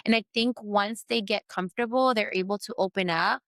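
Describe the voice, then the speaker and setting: A woman who runs a post-op massage business, talking candidly in an interview, with fillers, restarts and quick shifts into voices when she quotes people. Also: no room sound. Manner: acts out quoted voices with sharp pitch jumps. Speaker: post-op massage therapist, guest. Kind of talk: casual interview conversation.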